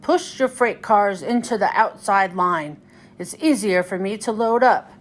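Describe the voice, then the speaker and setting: A woman's voice: mid-range voice, measured pace, natural voice. A woman voicing a cranky, bossy male dockside crane in a children's storybook, with a complaining manner.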